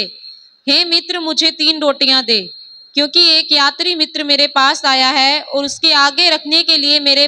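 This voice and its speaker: A woman with a high voice reads a scripture passage aloud in church. Her tone is very bright and cutting, and her reading is clear and emphatic. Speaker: scripture reader.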